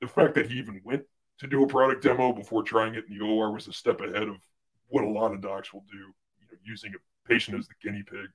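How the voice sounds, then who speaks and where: A young man, a guest on a livestream, telling a work story casually with lots of "like" and restarts, getting loud when he quotes someone. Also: fairly low pitch, fast, breathy edge. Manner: animated storyteller, fillers and restarts, loud when quoting others. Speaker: guest, former medical device rep.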